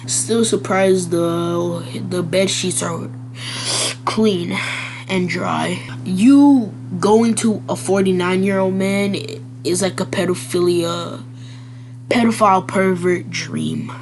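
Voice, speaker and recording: A woman's voice: medium pitch, slow, a little mellow, slight background noise. A woman hosting a reaction video in casual, blunt and crude commentary, rambling with lots of fillers.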